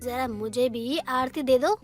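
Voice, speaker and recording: A woman's voice: sits high, slow pace, faint music behind. Wheedling lazy young woman. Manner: whiny, wheedling excuses. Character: lazy young sister-in-law who skips bathing.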